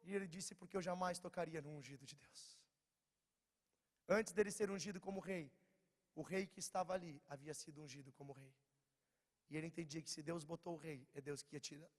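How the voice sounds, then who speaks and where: A Brazilian man with a slight cold, preaching a lively storytelling sermon to young people, swinging from loud bursts to quiet low lines. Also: quick pace. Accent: Brazilian Portuguese. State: slightly hoarse, has a cold. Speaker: preacher at a youth meeting. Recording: long church-hall reverb.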